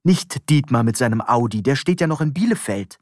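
A man's voice: medium pitch, animated, brisk, a little mellow, no echo, clean studio sound, natural voice. A man reading an audiobook, voicing an impatient woman who talks curtly and bitingly. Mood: sharp. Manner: curt, biting. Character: sharp, impatient woman, quick to scold.

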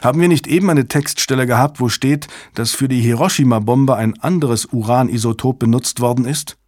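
A man's voice: mid-range voice, a little fast, a little mellow, dry recording, natural voice. A man reading a tense young female code analyst, urgent and questioning. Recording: dry close studio sound.

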